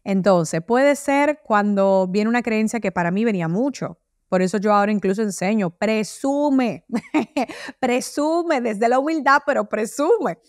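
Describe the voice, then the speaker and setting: Middle-aged woman, podcast guest, lively narrator who acts out voices; slightly high, dry sound. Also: a little slow, no echo. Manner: animated storyteller, acts out voices. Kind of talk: interview conversation.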